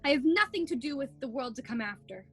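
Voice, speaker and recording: A woman's voice: sits high, expressive, quick pace, fairly bright tone. A woman playing a fearful, huffy old miserly lady in a radio play, with dramatic, pleading delivery. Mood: defensive. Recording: music behind, home video-call recording.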